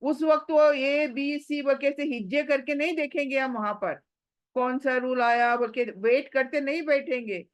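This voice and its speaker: Teaching Quran recitation rules online, a woman with a high, steady voice speaks at a normal pace. She drills words with repeated questions and spells sounds letter by letter, and the highs are cut off in the audio.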